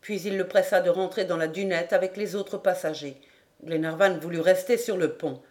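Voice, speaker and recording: A woman narrating an audiobook of a classic novel with a steady, expressive reading. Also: fairly low pitch, normal speed.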